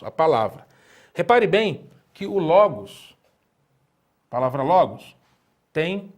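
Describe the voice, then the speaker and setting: A man giving a recorded language lesson, explaining patiently, asking rhetorical questions and repeating key words slowly. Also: mid-range voice. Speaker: Greek teacher.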